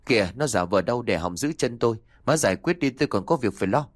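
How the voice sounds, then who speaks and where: A man's voice: mid-range voice, animated, fast, no echo, studio quality, natural voice. A man voicing a callous young husband in an audio story, curt and dismissive.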